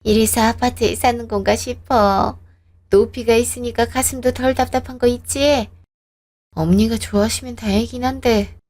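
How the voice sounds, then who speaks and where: A woman reading a scripted radio drama as narrator and wife, in a sharp, indignant way. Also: a little high, steady tone, moderate pace.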